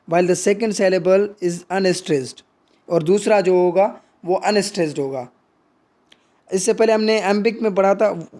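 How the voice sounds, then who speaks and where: A man teaching a lesson on English poetry, slowly reading English definitions aloud and then explaining each one in Hindi. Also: high voice, a little mellow.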